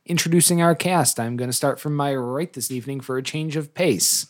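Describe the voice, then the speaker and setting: A man's voice: on the high side, a little fast, dry recording. Theatrical man hosting a tabletop game. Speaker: podcast host and dungeon master.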